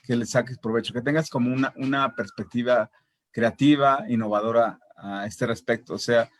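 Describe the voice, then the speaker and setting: A man with a mid-pitched voice speaks as a parent on a discussion panel. He works through a list of points, pausing on fillers. The sound is dry and close to the mic. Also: steady tone, no room sound. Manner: hesitant, many fillers and tag questions. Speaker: parent guest. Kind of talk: casual panel chat.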